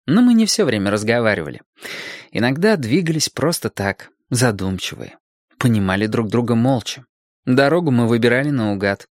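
Male audiobook narrator, calm and reflective, mid-range voice in a dead-dry booth. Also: medium pitch, normal speed, no echo.

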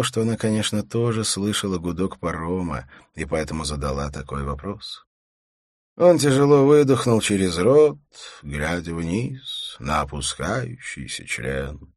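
A man giving scripted audiobook narration in a measured, steady way. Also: low voice, dry recording, clean studio sound. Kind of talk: scripted narration of a crime novel.

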